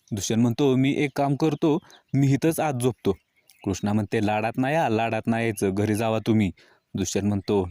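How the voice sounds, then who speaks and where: A man's voice: on the low side, no echo. A man narrating a recap of a TV serial episode, reading the characters' lines in the same storytelling voice. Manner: even storytelling with quoted lines read in his own voice.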